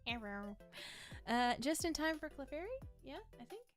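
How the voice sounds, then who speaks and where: A woman's voice: high-pitched, sing-song, normal speed. A young woman chatting casually while playing a game on stream, rambling and laughing often with many restarts. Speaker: VTuber streamer. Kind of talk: casual livestream chat while gaming. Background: faint game music.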